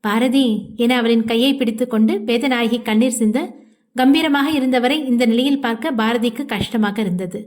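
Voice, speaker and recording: A woman reads an audio novel aloud as its storyteller. Her voice sits fairly high, and her reading is steady and expressive. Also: normal speed.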